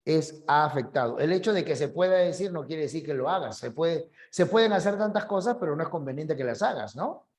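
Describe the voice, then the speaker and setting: A man's voice: fairly high pitch, animated, fairly quick, few pauses, a little mellow, roomy sound. A male teacher, giving a conversational class for an admission exam and often checking that students agree. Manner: conversational, asks students for agreement, acts out examples.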